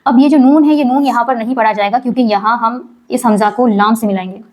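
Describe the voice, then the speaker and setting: A woman with a slightly high voice teaches a prayer line by line. She stretches each recited phrase out slowly and carefully, then switches to brisk, plain explanation. She often poses a question and answers it herself. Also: a little mellow. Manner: asks and answers her own questions. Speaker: religious teacher. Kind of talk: recitation lesson with slow drawn-out chanting.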